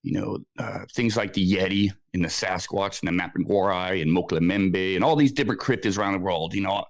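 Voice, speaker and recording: A Scottish-born man in his forties, a guest researcher on a podcast, tells his story in a casual interview, rambling with lots of fillers and restarts. His voice sits low and creaky, moves fairly quickly, and carries no room sound.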